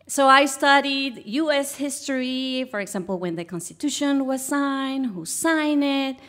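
Her voice is high-pitched and a bit bright, with lively intonation and a measured pace. She's a Guatemalan woman speaking with a Guatemalan Spanish accent, sharing a personal story as a guest before a live stage-show audience.

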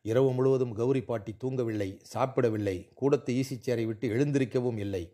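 A man narrating a literary short story in a measured, expressive way. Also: medium pitch. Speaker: audiobook narrator.

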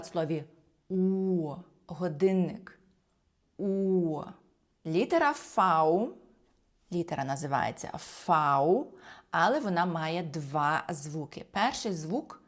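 A woman teaching German pronunciation, explaining each sound carefully and repeating every example word. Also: lowish voice. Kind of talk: pronunciation lesson.

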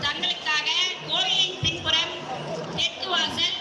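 A woman making formal, measured crowd announcements at a temple festival through an outdoor loudspeaker. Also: very high voice, steady tone, very noisy. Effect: outdoor loudspeaker public address. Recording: echoey loudspeaker sound heard from a distance over a loud crowd.

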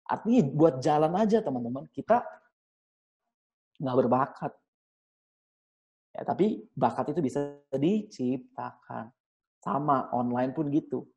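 A young man talks through a motivational seminar in a relaxed, joking way. His voice is dark and mellow, sitting at an average pitch, and he keeps turning to the audience with questions. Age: young adult. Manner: casual, jokey, asks the audience questions. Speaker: seminar speaker.

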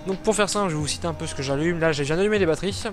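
Male gameplay host, French accent, chatty, slightly raised pitch, music bed behind. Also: very fast. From France. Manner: chatty, rambling, many fillers and self-corrections. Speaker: flight sim video host. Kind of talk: casual gameplay commentary. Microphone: desktop microphone.

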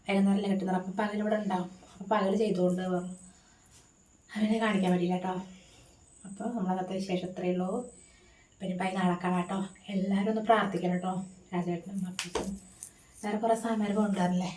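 A woman's voice: flat delivery, fast, long pauses, a little mellow. Chatty woman in echoey kitchen. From Kerala, India. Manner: chatty, talks to pets in a high coaxing voice, often tags "kētto". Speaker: village vlogger. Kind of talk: casual home vlog narration. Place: home kitchen. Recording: roomy echo, distant from mic, faint noise.

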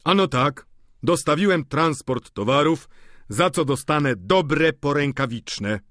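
A man reading an audiobook, voicing a brash, witty boarder who jokes loudly and teases the table. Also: fairly high pitch, expressive, a little slow, no echo, clean studio sound, voice pushed up. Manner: loud, jovial banter. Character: brash, witty male boarder, cocky and mocking.

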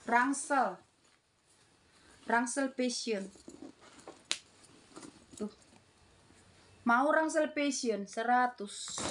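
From a small room indoors, an online seller of secondhand bags from Indonesia, a middle-aged woman, keeps up a casual, repetitive live-sale patter naming items and prices. Her voice sits high, with slight background noise.

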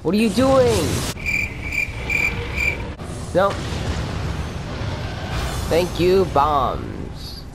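A woman's voice: on the low side, wildly swooping pitch, extremely slow, pauses often, background noise. A woman raging at a video game, commentating with exasperated outbursts and swearing. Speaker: gamer. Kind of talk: gameplay commentary. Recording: game music behind the voice. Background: video game music.

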